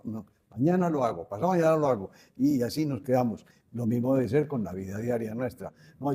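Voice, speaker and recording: A man's voice: medium pitch, dark tone, slightly rough. An older man speaking as a guest, earnestly teaching and repeating his key phrases. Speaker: guest speaker on spiritual growth. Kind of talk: reflective conversational teaching.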